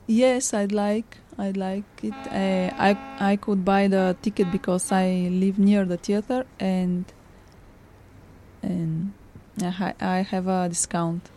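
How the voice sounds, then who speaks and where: A woman with a Bulgarian accent speaking simple, halting learner's English in a practice dialogue. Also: mid-range voice, flat delivery, warm tone, a little hiss or hum. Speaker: English course student. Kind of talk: practice dialogue in a language class.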